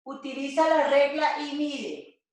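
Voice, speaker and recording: A woman teaching a slow, repetitive math lesson to children, often checking that they follow. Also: sits high, a little mellow. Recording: echoey dull home recording.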